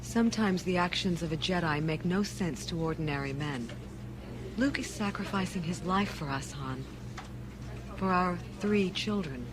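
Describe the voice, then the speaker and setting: An actress playing a resolute, earnest princess and rebel leader, composed and articulate, in a space-opera audio drama. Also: female voice, on the low side, normal speed, lightly acted, poor audio. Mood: solemn, tender. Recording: orchestral score under the voice.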